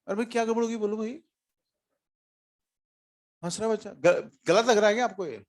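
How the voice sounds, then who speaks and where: High-voiced male classroom teacher. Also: fairly quick. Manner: questioning students, mixing Hindi and English terms. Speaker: physics teacher. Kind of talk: classroom lecture. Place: classroom with students.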